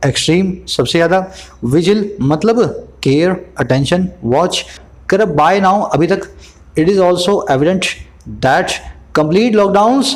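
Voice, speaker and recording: A man with a high voice teaching English from the newspaper. He has an Indian accent. He reads the English sentences slowly, then explains the vocabulary with lists of synonyms and quick questions to the learner. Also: a little mellow. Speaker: English tutor.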